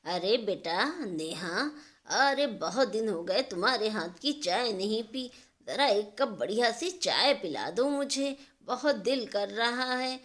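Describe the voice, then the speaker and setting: A woman voicing an elderly father who speaks slowly and soothingly. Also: medium pitch, animated, a bit bright. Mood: gentle concerned. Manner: slow, soothing. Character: worried elderly father, gentle and slow.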